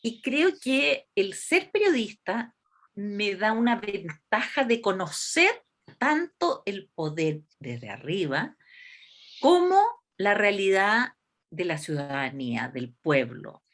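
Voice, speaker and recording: Speaking in a mid-range, very animated and slightly bright voice, this Chilean woman in her sixties is interviewed as a constitutional delegate. Her reflective answers come slowly and at length, measured and thoughtful.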